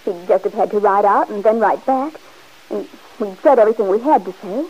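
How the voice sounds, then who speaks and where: On a dull old radio recording, a young actress in a 1940s radio drama plays a headstrong woman about to marry, sounding insistent and defensive. Her mid-range voice is husky and a little mellow, delivered a bit fast and lightly acted.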